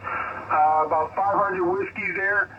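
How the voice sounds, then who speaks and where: An American man talks over a crackly two-way radio, his fairly high voice muffled and set in plain static. He chats casually in operator jargon, folksy and a little hesitant as he goes. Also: fairly even intonation, takes it slowly, distant mic. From United States. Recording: crackly, noisy, muffled shortwave radio signal.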